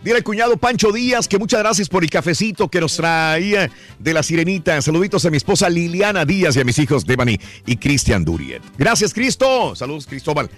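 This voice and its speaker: Lively male radio host with music behind. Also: a little high. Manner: lively, jokey, rapid shout-outs. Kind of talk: casual chat reading listener messages.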